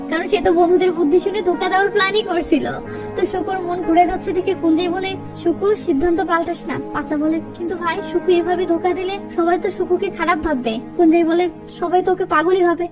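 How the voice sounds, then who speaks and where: A woman narrating a film recap, reading out every character in brisk storytelling. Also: very high-pitched. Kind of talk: fast movie recap narration. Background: background music.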